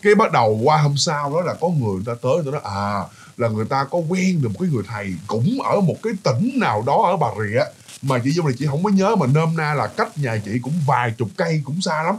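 A chatty man with a Southern Vietnamese accent tells a ghost story, talking to his listeners and looping back over words. His voice is slightly husky, on the high side, and swings lively as he rushes along. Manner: chatty, addresses listeners, many fillers and repeats. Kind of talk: casual ghost-story narration.

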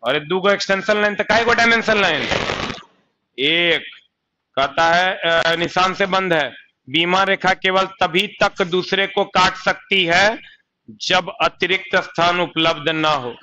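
A man's voice: high-pitched, measured pace, sharp tone, lo-fi sound. A man with a Bihari accent teaching a coaching class, chatty, often asking the students questions and answering them himself. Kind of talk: classroom lecture.

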